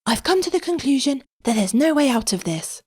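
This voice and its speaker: A woman voicing an angry young schoolboy, normally quiet and timid, in a storybook reading. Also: sing-song, a little fast, husky, heavily acted. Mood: scheming. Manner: indignant, high boyish delivery.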